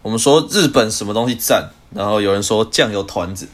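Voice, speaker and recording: A man's voice: on the low side, a little fast. A man from Taiwan co-hosting a podcast in casual chat, dry and wry, keeping the talk on track. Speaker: podcast co-host.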